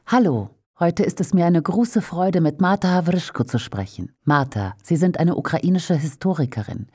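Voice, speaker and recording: Low, mellow woman reading a translated interview. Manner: reads each speaker's name before their turn, even and measured. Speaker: voice-over translator.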